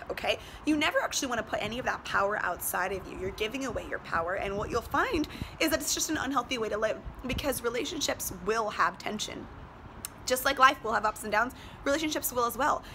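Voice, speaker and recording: Filming herself selfie-style on a boat with a handheld camera at arm's length, a woman with a voice on the high side gives viewers earnest, emphatic relationship advice. Her motivational talk is full of rhetorical questions, and the outdoor recording is noisy.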